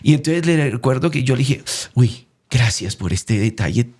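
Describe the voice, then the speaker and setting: A young Colombian man giving an emotional faith testimony as an interview guest, storytelling with lively acted-out quotes. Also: medium pitch, normal speed, slightly rough. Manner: animated storyteller acting out quoted voices.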